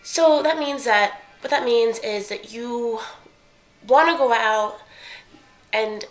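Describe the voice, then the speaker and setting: Soft music plays behind a young beauty vlogger whose stuffy voice, a little high, reveals she's congested from a cold. She talks slowly and casually through a makeup tutorial, chatty and rambling, frequently correcting herself partway through sentences. The audio is poor.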